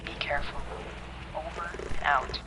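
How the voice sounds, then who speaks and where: An actress playing a calm female deputy on the radio in video game dialogue, speaking in a hushed, breathy whisper. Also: deep voice, moderate pace, noisy background, natural voice.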